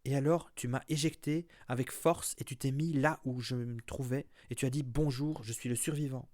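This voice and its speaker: A man's voice: medium pitch, fairly even intonation, normal speed, darkish tone, no room sound, studio quality, voice pushed up, natural voice. A man voicing a timid, frightened eleven-year-old boy with a small, shaky voice. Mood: reproachful.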